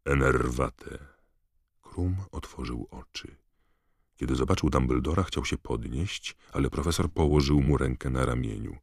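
A male audiobook narrator with a very deep voice, telling the story steadily and evenly. The recording is close and dry, with no room around it. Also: moderate pace, gravelly, a little mellow, no room sound.

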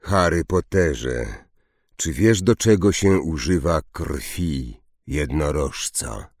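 A man's voice: rumbling low, lively intonation, no room sound, studio quality, exaggerated voice. A man voicing Firenzo, a grave young centaur. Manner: slow, solemn, measured. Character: noble young male centaur, calm and grave. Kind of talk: audiobook narration.

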